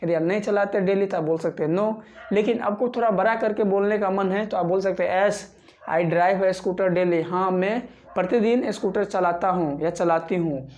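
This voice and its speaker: A man's voice: high-pitched, darkish tone, lo-fi sound. Man drilling English phrases. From Bihar, India. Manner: repetitive drilling, reads example sentences slowly; keeps addressing viewers as friends. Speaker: spoken English teacher. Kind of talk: spoken English lesson.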